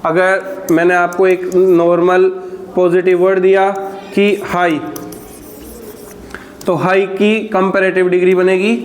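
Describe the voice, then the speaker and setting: Male tutor, fairly high voice, spells out examples slowly and quizzes the class himself. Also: a little hiss or hum. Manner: slow, drawn-out dictation of examples, asking and answering his own questions. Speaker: teacher. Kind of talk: grammar lesson.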